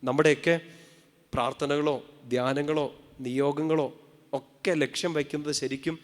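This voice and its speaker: Priest preaching in a reverberant hall. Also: male voice, fairly high pitch, steady tone, normal speed. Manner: rousing, calls the crowd to say hallelujah; playful, quizzes the audience. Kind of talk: sermon at a convention.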